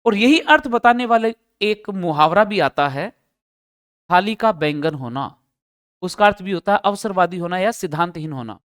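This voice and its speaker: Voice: mid-range voice, animated, moderate pace. A teacher in a live test-solution class who explains each answer step by step and poses questions to the students.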